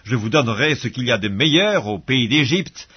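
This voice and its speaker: A man reading scripture aloud in a measured, solemn way, pausing between phrases. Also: medium pitch, animated, breathy edge. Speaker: Bible reader. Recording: dull lo-fi audio recording.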